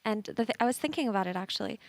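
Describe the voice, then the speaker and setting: A woman's voice: medium pitch, expressive, very fast, gravelly, dry recording. A woman on an esports panel analysing a match, out of breath and chatty, repeating words as she thinks aloud.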